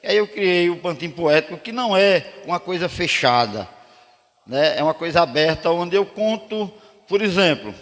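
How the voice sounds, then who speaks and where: A man's voice: high-pitched, normal speed. An older man from Rio Grande do Norte, a poet telling stories to a live audience and declaiming his verses. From Brazil, Rio Grande do Norte. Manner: animated, declamatory when reciting verse. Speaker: poet and storyteller. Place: cultural center hall. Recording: long hall reverb.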